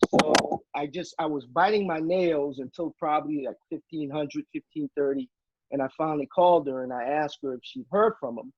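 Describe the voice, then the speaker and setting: A retired army officer telling a story in casual interview talk, with many fillers and restarts. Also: male voice, fairly high pitch, normal speed, darkish tone, muffled recording.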